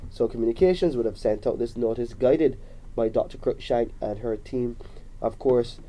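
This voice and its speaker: A man's voice: mid-range voice, normal speed, mellow, rough recording. A man hosting a hospital radio talk show, greeting listeners and introducing guests in an upbeat way.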